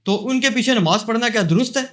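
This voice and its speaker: A man reading out audience questions to a scholar in a plain, measured way. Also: extremely high pitch, fairly bright tone.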